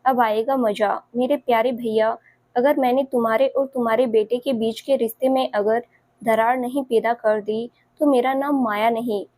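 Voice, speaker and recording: A woman's voice: a little high, fairly even intonation, normal speed, darkish tone, no echo, close to an everyday voice. A woman voicing a spiteful scheming aunt in a spoken story, with a sly, taunting manner. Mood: gloating.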